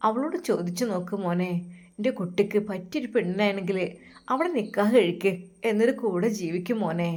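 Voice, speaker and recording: A woman's voice: mid-range voice, brisk, darkish tone, natural voice. Woman voicing a tender old mother coaxing her son. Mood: tender, pleading. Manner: tender, coaxing, repeating endearments. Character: loving elderly mother speaking in a dream.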